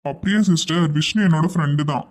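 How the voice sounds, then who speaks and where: A man's voice: on the high side, fast talker, lightly acted. A man voicing a courteous, reassuring company boss in a cartoon. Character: courteous company boss, warm to staff families. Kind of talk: cartoon voice acting.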